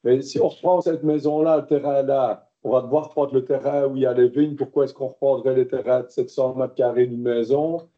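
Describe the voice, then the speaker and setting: A man chairing a council meeting as mayor, explaining at length with many hesitations, recorded with dull low-fidelity sound. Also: fairly even intonation, fairly quick, few pauses. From Belgium. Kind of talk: council debate. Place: council chamber.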